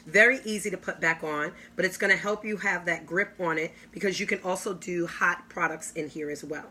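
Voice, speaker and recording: A woman presents kitchen gadgets with eager, salesy enthusiasm, stretching out her exclamations. Her voice is bright and forward, with a faint hum of room ambience behind her. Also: fairly low pitch, fairly quick. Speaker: product demonstrator. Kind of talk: live kitchen product demo.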